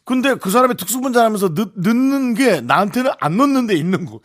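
A man's voice: high voice, big pitch swings, fast. A man hosting a radio show in a studio, chatting casually with a guest in a playful, teasing way and laughing often.

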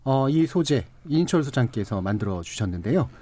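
Lively male public radio host, brisk and formal. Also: medium pitch. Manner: formal, articulate presenter delivery. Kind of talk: scripted public radio hosting.

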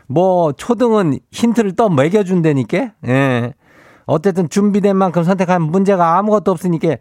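A man's voice: a little high, darkish tone, dry recording, studio quality, voice pushed up, lightly acted. A man voicing a folksy, rambling rural village headman with a Chungcheong accent, making announcements in a comic radio bit. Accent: Chungcheong Korean. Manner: rustic, rambling, repeats himself.

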